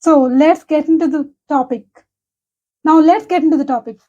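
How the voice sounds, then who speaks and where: A woman with a Telugu accent gives an English pronunciation lesson in a high, light voice. She says each example word slowly and clearly, often more than once, and goes through them one by one. The recording sounds slightly dull and lo-fi. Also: mellow. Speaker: English teacher.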